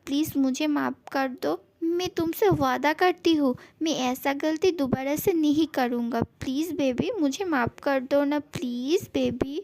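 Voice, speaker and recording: A woman putting on a whiny young husband begging for forgiveness, high voice, slow pleading delivery, fan-story reading. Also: darkish tone. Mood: apologetic. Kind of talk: fan-fiction voice acting.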